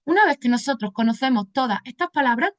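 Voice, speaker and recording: Higher-voiced woman teaching English vocabulary. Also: expressive, quick pace, highs cut off. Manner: explains step by step, addressing students as a group. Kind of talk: recorded lesson explanation.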